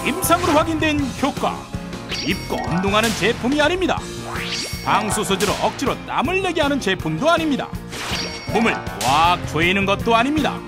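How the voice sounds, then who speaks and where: A woman narrating a scripted hard-sell advertisement with punchy, emphatic slogans. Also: high-pitched. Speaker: advertisement announcer. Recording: voice-over with loud music behind.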